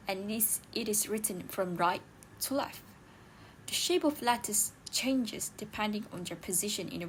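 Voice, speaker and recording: A woman's voice: medium pitch, a little hiss or hum, low-quality recording. A young woman student giving a recorded class presentation, explaining in a casual way with many fillers.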